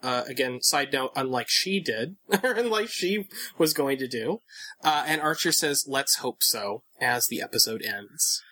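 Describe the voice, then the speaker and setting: A man's voice: medium pitch, lively intonation, a little slow, bright, forceful tone. A man co-hosting a casual podcast chat, thinking aloud with many fillers and restarts. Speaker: podcast co-host.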